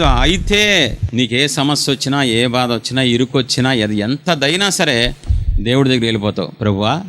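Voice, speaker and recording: A man's voice: a little high, a bit bright, slight background noise. A man preaching a sermon, emphatic and full of rhetorical questions, acting out short quoted voices.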